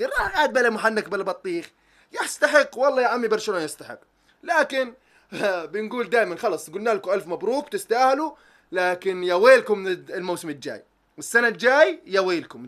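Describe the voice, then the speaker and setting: A young vlogger with a high, bright, forceful voice rants animatedly about football in an excited reaction. Along the way he swears oaths and mocks tactical discussion.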